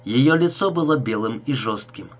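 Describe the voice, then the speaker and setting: A man's voice: mid-range voice, lively intonation, normal speed, breathy edge, lo-fi sound. A man narrating a crime story audiobook in a tense, dramatic reading.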